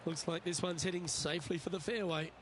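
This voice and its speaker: A man's voice: on the high side, steady tone, fairly quick, noisy background, lightly acted. A man playing the lead golf commentator in a video game, calling each shot in short running updates over outdoor ambience. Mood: composed, observant.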